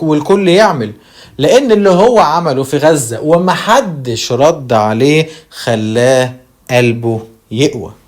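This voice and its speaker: A man with an Egyptian Arabic accent giving commentary on current events. His voice sits a little high for a man. He drags out key words for emphasis. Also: a little mellow. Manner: emphatic, slows for stress. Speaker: channel host. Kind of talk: commentary on news quotes.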